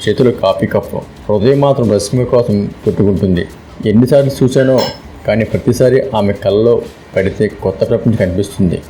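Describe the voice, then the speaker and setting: A man narrating a romantic story in a calm, steady scripted read. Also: lowish voice, a little fast, slight background noise, rough recording.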